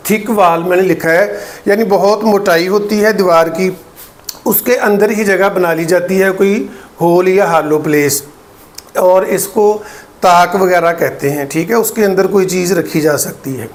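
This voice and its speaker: Man, Pakistani Urdu accent, English tutor, very slow and deliberate, repeats words for drill. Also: high voice. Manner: explains patiently, checks in with "ठीक है". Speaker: English teacher. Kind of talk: pronunciation lesson.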